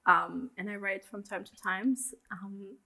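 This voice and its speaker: A woman's voice: medium pitch, steady tone, a little slow, creaky, bright, forceful tone. A woman who works as a stylist, introducing herself in a reflective way with many fillers. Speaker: stylist guest. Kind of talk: casual round-table chat.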